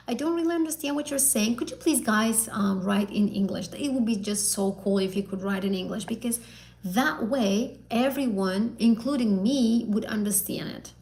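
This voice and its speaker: A chatty young woman from Azerbaijan, a native Azerbaijani speaker, tutors for English exams and takes viewers' questions on a live stream. She leans on fillers and often repeats and rephrases herself. Her voice is medium-pitched, gravelly and slightly mellow.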